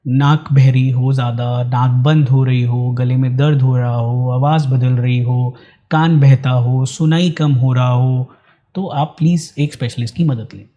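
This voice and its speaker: A man, an ENT doctor, calmly answering interview questions and mixing Hindi with English phrases. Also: medium pitch, measured pace.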